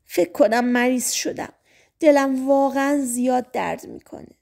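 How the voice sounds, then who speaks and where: A woman voicing a shy, wary teenage girl who speaks quietly and hesitantly in an audiobook. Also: high voice, vocal fry, pitched above the performer's own voice.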